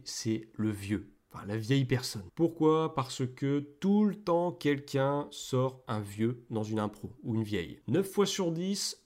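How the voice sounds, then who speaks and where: Chatty man explaining improv. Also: mid-range voice. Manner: relaxed and chatty, loose spoken phrasing with frequent verbal fillers. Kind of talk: casual spoken explainer.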